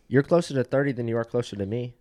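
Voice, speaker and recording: A man's voice: medium pitch, fast talker, warm tone. A man in his twenties, a comedian, chatting loosely, laughing often and swearing. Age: 20s. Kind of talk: casual chat.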